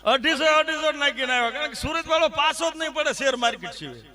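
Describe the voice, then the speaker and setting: Before a live audience, a male dayro storyteller with an extremely high voice rattles through comic folk tales at a quick pace, acting out the dialogue in animated joke-telling. The live stage recording captures the crowd in the background.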